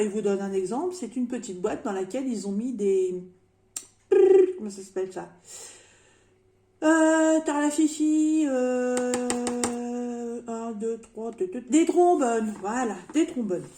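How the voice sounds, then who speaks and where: A woman's voice: on the high side, warm tone, roomy sound, slight background noise. A woman in her fifties chatting casually through a shopping haul at home, rambling and joking with lots of fillers and repeated words. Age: 50s. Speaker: vlogger showing a shopping haul.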